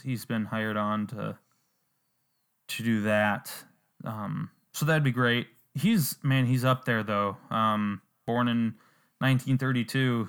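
A man hosting a casual podcast chat, relaxed and rambling with fillers. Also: fairly low pitch, smooth.

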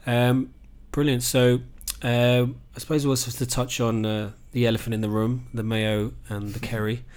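A man hosting a casual sports podcast, talking in a rambling, halting way with plenty of "you know". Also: medium pitch, level tone, darkish tone. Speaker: podcast host.

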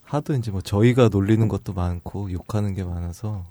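A man co-hosting a casual talk show, giving measured and slightly hedging opinions. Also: lowish voice, mellow, dry recording. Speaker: podcast co-host. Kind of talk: casual political chat.

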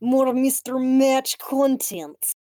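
Wry higher-voiced woman, dry sound. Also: takes it slowly, mellow, no room sound. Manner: wry and teasing, slips into mock voices for characters. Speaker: podcast co-host. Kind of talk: casual chat recapping an anime.

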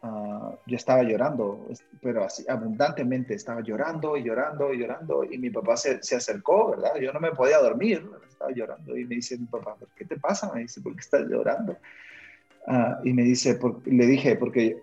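A young Honduran man with a Honduran accent tells his personal story in a radio interview. He speaks at a middle pitch, pausing often with fillers and tag questions. The recording is a little dull, with faint music behind him. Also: gravelly, dark tone. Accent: Honduran Spanish. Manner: hesitant, with frequent fillers and a habitual tag question. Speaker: missionary guest.

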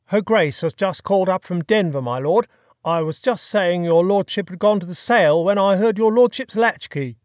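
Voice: medium pitch, normal speed, a little mellow, no room sound, clean studio sound, voice pushed up, lightly acted. Formal valet, polite and precise, storybook reading, narrator-voiced. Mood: deferential. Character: deferential male manservant, formal and correct.

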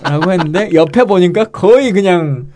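A man's voice: high voice, animated, normal speed, darkish tone. A middle-aged man in casual podcast talk, explaining facts and telling anecdotes, laughing now and then. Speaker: guest lawmaker.

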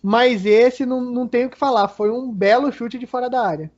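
A man's voice: fairly quick, darkish tone. A man with a Brazilian accent giving casual football analysis as a co-commentator. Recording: dull, low-fidelity audio.

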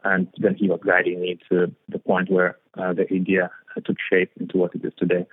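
A man's voice: deep voice, monotone, fairly quick, husky, no room sound. A young man from Lithuania, a startup founder being interviewed, talking hesitantly with many fillers and repeated words. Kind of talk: interview conversation. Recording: tinny phone-like line.

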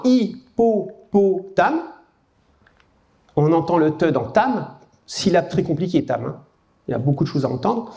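Lively French lecturer, man, mellow voice. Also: on the high side. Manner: conversational, lively, frequent "hein" and "bah". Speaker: university lecturer and teacher trainer. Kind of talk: lecture to an audience.

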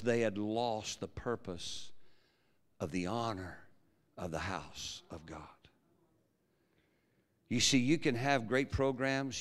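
A male pastor delivers a sermon in a large church hall, his big, projecting voice swinging from quiet, low musing to loud, fervent preaching. The recording carries a long hall reverb.

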